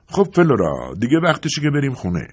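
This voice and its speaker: A man's voice: mid-range voice, huge pitch swings, husky, pitched above the performer's own voice. A man reading an audiobook, voicing a brusque, guarded young husband who speaks in short, clipped remarks. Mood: curt. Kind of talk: audiobook character voice.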